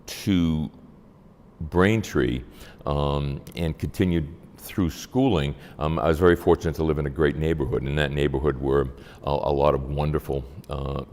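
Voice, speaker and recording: An older man, reminiscing in a halting, measured way with frequent pauses. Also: rumbling low. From Massachusetts, United States. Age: 70s or older. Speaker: interviewee. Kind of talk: oral history reminiscence. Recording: long hall-like reverb.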